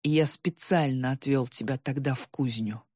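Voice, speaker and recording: A woman voicing a bitter, jealous young man who shouts resentfully, his voice breaking with tears. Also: rumbling low, normal speed, husky, no echo, studio quality. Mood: bitter, shouting.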